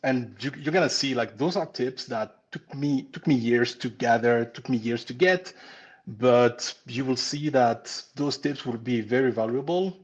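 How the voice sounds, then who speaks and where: A man's voice: medium pitch, measured pace. Chatty French man, dull stream audio. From France. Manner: chatty, warm-hearted, with frequent restarts and "um"s. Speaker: pastry instructor hosting a live webinar. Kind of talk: casual live-stream teaching. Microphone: computer mic on a live stream.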